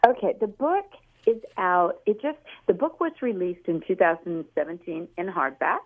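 An older woman from California is heard over a telephone line, her voice tinny and narrow. She speaks in a lowish register and tells her stories in a chatty, rambling manner, as a guest author on a phone interview. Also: moderate pace.

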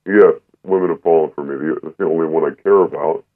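Man with a deep disguised voice-changer voice. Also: fairly even intonation. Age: 30s. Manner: blunt, unapologetic, halting. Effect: voice changer making it disguised and deep. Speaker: anonymous caller. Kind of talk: call-in radio conversation. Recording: tinny phone line.

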